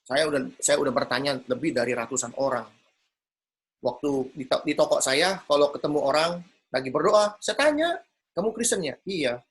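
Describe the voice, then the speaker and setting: A man's voice: a little high, moderate pace. A man leading an informal Bible study lesson, telling stories, acting out conversations and asking rhetorical questions, recorded on a mobile phone. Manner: lively storytelling, acts out dialogues and asks rhetorical questions. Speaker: Bible teacher. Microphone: mobile phone stuck to a glass pane.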